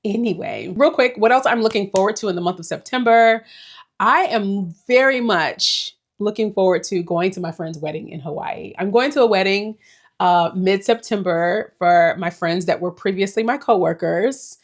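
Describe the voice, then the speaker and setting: A woman in her forties, a vlogger, speaks at a normal pace in a mid-range voice. She gives her viewers a casual, rambling life update, addressing them directly in a reflective way with small laughs.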